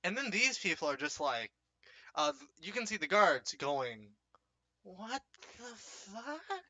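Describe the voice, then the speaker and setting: A man's voice: on the high side, big pitch swings, moderate pace, sharp tone, no room sound. A young man narrating a tabletop game as game master, hesitant, with many fillers and restarts.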